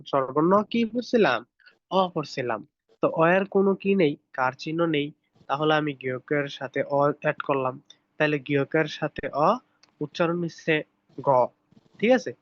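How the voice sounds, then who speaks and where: A man's voice: a little high, no room sound, muffled recording. Man drilling pronunciation, patient and repetitive. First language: Bengali. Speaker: Korean language teacher. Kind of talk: slide-based language lesson.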